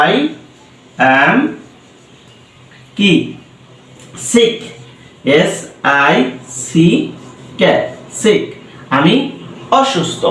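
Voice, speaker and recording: A man's voice: high voice, a bit bright. A man with a Bengali accent teaching spoken English, spelling words letter by letter and asking and answering his own questions. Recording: roomy echo, distant mic.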